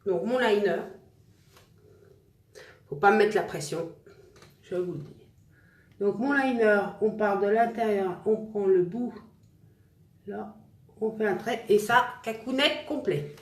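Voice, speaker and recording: A woman's voice: medium pitch, takes it slowly, pauses often, echoey room. A woman chatting casually with viewers while she demonstrates a makeup look, joking about herself as she works. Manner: chatty, self-mocking, talks to viewers while applying makeup. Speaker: makeup vlogger. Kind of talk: casual makeup tutorial livestream.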